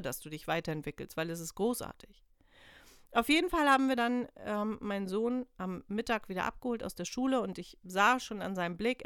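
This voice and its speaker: A woman's voice: mid-range voice, clean tone, no room sound, clean studio sound. A woman hosting a motivational podcast, talking earnestly in a coaching manner and asking her listener many rhetorical questions. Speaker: podcast host, self-employed team leader. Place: lives in northern Germany.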